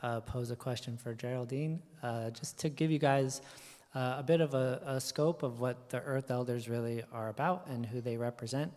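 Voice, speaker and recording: Male panel moderator, halting delivery, reverberant hall. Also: medium pitch, fairly even intonation, a little mellow. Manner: hesitant, many fillers. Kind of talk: live panel talk.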